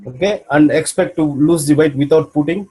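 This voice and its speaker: On a video call coaching session, a business mentor with a somewhat raised, slightly high voice guides a listener through steps. He stays patient and steady, checking in with a quick "okay?" after each point to make sure he's being followed.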